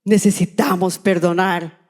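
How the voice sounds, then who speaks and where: A woman's voice: lowish voice, steady tone, measured pace, a little mellow. A woman pastor with a Colombian accent preaching a sermon as personal testimony, telling her story with emotion and acting out the dialogue. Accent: Colombian Spanish. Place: large church hall. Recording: long church-hall reverb.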